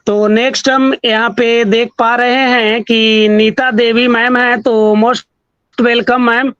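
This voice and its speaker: A man hosts an online session in a high, unhurried voice, politely thanking and welcoming each speaker. The sound is dry and somewhat muffled. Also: level tone, fairly bright tone, smooth, no room sound. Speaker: host.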